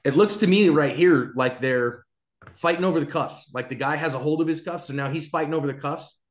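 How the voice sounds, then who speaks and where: Animated man in a roomy echo. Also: fairly high pitch, a little fast. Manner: animated, acts out quotes, laughs. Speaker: self-defense video commentator. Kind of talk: casual commentary on a video.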